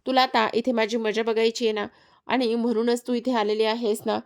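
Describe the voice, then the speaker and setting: A woman's voice: fairly high pitch, level tone, moderate pace, smooth, natural voice. A woman narrator voicing a frightened, defiant young woman who pleads and protests in a retold serial scene. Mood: protesting.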